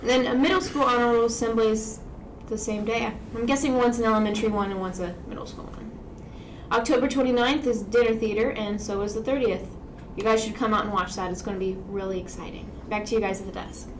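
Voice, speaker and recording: A woman's voice: a little high, steady tone, fast talker, low-quality recording. A teenage female student presenting an event calendar informally, with casual asides. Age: teenager, high school student. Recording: clear background noise.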